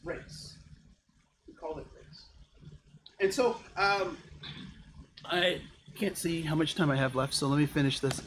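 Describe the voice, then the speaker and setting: This Ohio man in his fifties works as a diversity trainer and is addressing a live workshop audience in a playful, interactive way, frequently checking in with listeners. His fairly high voice has a slightly bright quality, and he speaks unhurriedly with long pauses. Echo and a faint background hum fill the recording.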